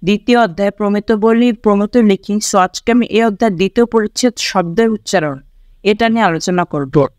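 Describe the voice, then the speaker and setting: A tutor from Bangladesh reading a school textbook lesson aloud, often starting sentences with "so" and slowly repeating each word to show how it is pronounced. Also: mid-range voice, a little mellow, no echo, studio quality. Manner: starts sentences with English "so", spells out pronunciations slowly and repeats words. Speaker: online tutor for school students.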